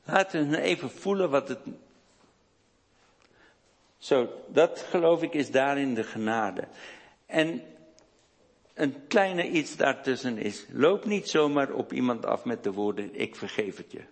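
Man, sermon, mid-pitched voice, deliberate halting delivery, long hall reverb. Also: lively intonation. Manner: slow, deliberate delivery with hesitations and restarts. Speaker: preacher.

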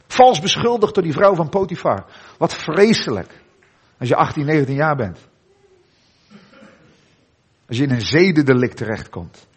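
Man, middle-aged, husky voice, lively pitch, earnest sermon, dramatic pauses, church. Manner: earnest preaching with dramatic pauses and softened endings. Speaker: preacher.

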